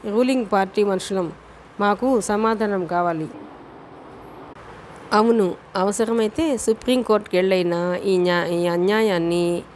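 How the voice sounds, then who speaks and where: A woman narrator voicing two loud, defiant petty male thugs protesting their arrest. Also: medium pitch, a little hiss or hum, lightly acted.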